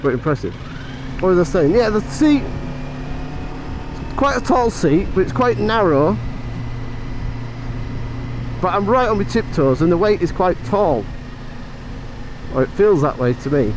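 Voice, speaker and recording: A man with a fairly high-pitched voice talks casually while riding a motorbike. He thinks aloud in a chatty, unscripted reviewer's style. Wind and road noise are clearly heard on his helmet mic. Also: lively intonation, normal speed, pauses often. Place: outdoors, riding a motorbike on mountain roads.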